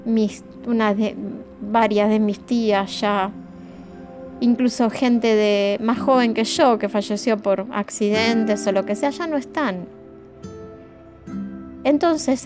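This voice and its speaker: A woman podcast host with a Rioplatense Spanish accent, speaking in a heartfelt, emotional way and addressing her listeners directly. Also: on the high side. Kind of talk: reflective podcast monologue. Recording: music playing behind the voice.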